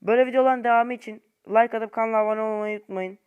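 A young man giving casual gameplay commentary to viewers in an informal, slangy way, swinging between low muttering and frustrated shouting. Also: fairly even intonation, very fast, smooth, highs cut off. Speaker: gaming YouTuber.

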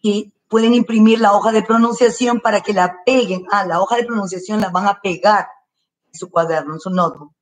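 A woman's voice: medium pitch, steady tone, distant mic, rough recording. Strained-voiced woman teacher, off-mic. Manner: slow, careful, repeats instructions. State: straining her throat. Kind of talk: online class instructions to parents. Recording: voice from away from the mic.

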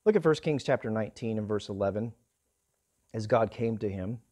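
A man's voice: lowish voice, expressive, fairly quick, mellow. A man preaching a sermon in an earnest manner, his voice rising and falling in volume. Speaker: pastor.

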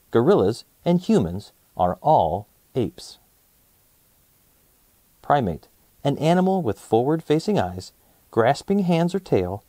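Hosting for young listeners, a man reads from a children's nonfiction book with clear enunciation and an expressive, storytelling delivery. His voice sits in the mid range, and there's no echo.

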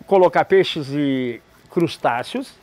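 A Brazilian man, a restaurant owner in his fifties, answering interview questions in a halting way with many restarts, recorded indoors in a large restaurant. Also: fairly high pitch, lively intonation, mellow. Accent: Brazilian Portuguese. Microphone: camera close framing, seated.

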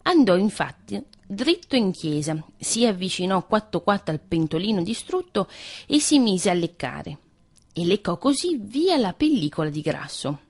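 A woman reading a fairy tale aloud as a radio storyteller, in an expressive, lilting manner. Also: mid-range voice, moderate pace, breathy edge.

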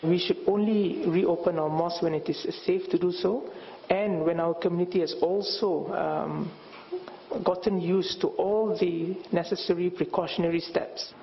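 A man speaking as a religious leader at a press conference into a stand microphone, measured and earnest. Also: high-pitched, fairly even intonation, gravelly, dull audio, a little hiss or hum. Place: indoor press conference room.

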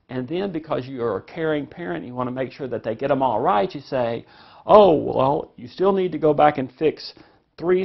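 Man, gravelly voice, parenting class lecture, explanatory, dull lo-fi recording. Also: medium pitch. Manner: explanatory, uses examples, acts out quoted voices. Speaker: parenting instructor.

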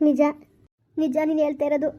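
A woman's voice: high-pitched, little pitch movement, quick pace, lo-fi sound, close to an everyday voice. Woman playing a pushy would-be bride. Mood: coaxing. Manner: coaxing and impatient, scolding. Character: pushy young woman eager to marry the mourner. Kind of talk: village skit acting.

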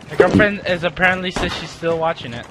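An excitable young man chats casually while live streaming a game, swearing freely and talking in a slightly high voice. His audio carries a steady hiss of background noise. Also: quick pace. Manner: excitable, profane, screams during play. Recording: noisy home stream audio.

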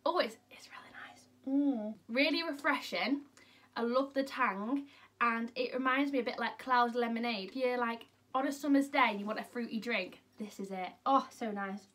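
A young woman with a British English accent chats away to her camera at home. Her voice sits a little high, and her delivery stays upbeat and friendly throughout. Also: moderate pace, a bit bright. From United Kingdom. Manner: cheerful, upbeat, chatty. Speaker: YouTube vlogger host. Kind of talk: casual chatty vlog. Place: at home, indoors.

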